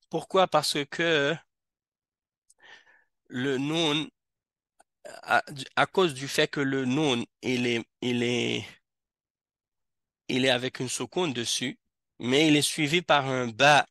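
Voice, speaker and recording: Slow, patient man teaching reading. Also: mid-range voice, fairly even intonation, fairly bright tone, no room sound, clean studio sound. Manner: slow, repeats words and verses to drill pronunciation. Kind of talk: patient classroom lesson. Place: mosque classroom.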